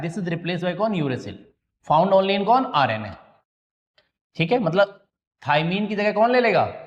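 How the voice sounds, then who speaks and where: A man's voice: sits high, lo-fi sound. A man teaching a biology class, asking questions and answering them himself, repeating key terms and checking that students follow. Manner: calls students "beta", checks they understood. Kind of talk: classroom lecture at a slide board.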